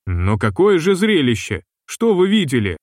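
A man reading the part of a young ship captain who asks brisk, impatient questions, in a dry recording. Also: fairly high pitch, wildly swooping pitch, a little mellow, no room sound.

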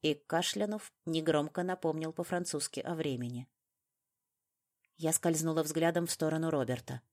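Low-voiced woman narrating an audiobook. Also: normal speed, darkish tone. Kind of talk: first-person audiobook narration.

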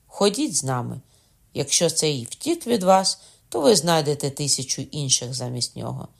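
A man reading an audiobook, voicing a cool, sly nobleman who speaks calmly. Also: a little high, normal speed, gravelly, heavily acted. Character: cool, scheming male nobleman assassin.

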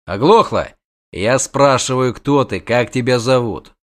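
A man voicing a gruff, weary grown monster hunter, talking low, curt and measured. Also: close to an everyday voice. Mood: stern questioning.

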